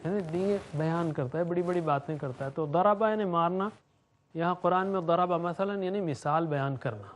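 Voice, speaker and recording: A man's voice: fairly high pitch, a little hiss or hum. A man teaching Quranic Arabic grammar, drilling verb forms in a rhythmic chant and explaining in between.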